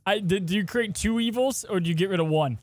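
A man co-hosting a casual gaming podcast, animated and jokey as he runs the segments. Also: high-pitched, quick pace. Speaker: podcast co-host.

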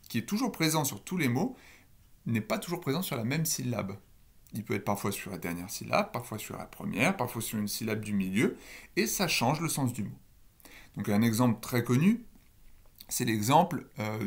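A man giving a recorded university lecture on phonology, explaining step by step and asking the listeners questions. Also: medium pitch.

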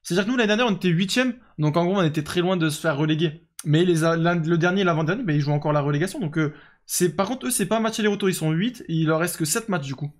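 A man's voice: a little high, fast talker. A young man streaming a football management game, chatting casually and answering his viewers as he plays. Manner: chatty, reads and answers chat, lots of fillers. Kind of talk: casual live game commentary.

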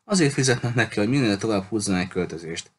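A man reading a novel aloud in a steady, measured way. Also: fairly low pitch, slight background noise. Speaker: audiobook reader.

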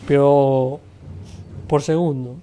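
Young Spanish woman streaming a game: mellow voice, chatty, swears, complains dramatically, slight background hiss. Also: a bass voice, steady tone, takes it slowly. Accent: Spain Spanish. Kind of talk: live game stream commentary.

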